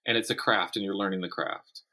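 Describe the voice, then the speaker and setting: A writer appears as a guest in a conversational interview, speaking in a deep voice at a brisk pace. He tells his stories animatedly and acts out imagined quotes.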